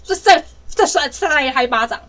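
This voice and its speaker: A young woman co-hosting a podcast, telling a childhood story in a casual, animated way, often laughing. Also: high voice, moderate pace. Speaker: podcast co-host.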